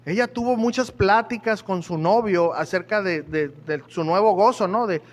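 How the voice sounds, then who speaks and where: A man's voice: sits high, moderate pace. A man preaching a sermon in a chatty, joking way, often asking his listeners questions. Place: church hall. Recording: echoey church hall.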